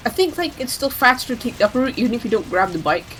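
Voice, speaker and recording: A woman's voice: fairly high pitch, expressive, racing, a little hiss or hum, low-quality recording. Chatty woman commentating her speedrun. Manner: chatty, joking asides. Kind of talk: live gameplay commentary.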